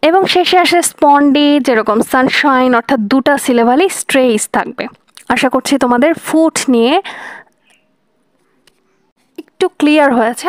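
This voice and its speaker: A woman teaching a lesson, patiently explaining step by step and slowing down to sound out examples. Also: high-pitched, no room sound. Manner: patient, repeating and spelling out examples slowly.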